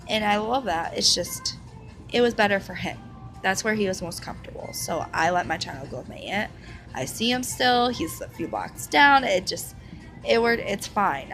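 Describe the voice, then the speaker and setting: Speaking candidly about her life and illness, this twenties-aged vlogger has a mid-range, slightly bright voice. She rambles to camera with fillers and false starts, captured on a low-quality recording.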